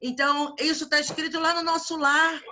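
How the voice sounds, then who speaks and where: Her voice sits high with little pitch movement as this event organizer and evangelizer speaks fairly quickly in an online spiritual meeting on video call. She's casual, giving warm religious goodbyes and frequently restarting her sentences.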